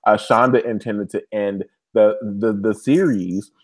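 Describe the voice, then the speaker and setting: A man co-hosting a casual TV recap podcast, animated and excitable, breaking into loud cheering. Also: on the low side, unhurried. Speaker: podcast co-host.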